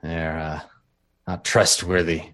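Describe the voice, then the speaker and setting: A man voicing a rich, self-satisfied male whale-like alien minister who drawls slowly in a lower, quieter voice than his own. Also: flat delivery. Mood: smug.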